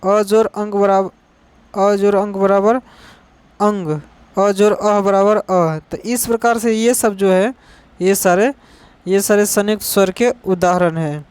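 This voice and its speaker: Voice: medium pitch, steady tone, darkish tone, smooth, no echo. A teacher giving an exam-focused grammar lesson, repeating each definition and asking rhetorical questions before answering them. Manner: spells out letters and examples slowly.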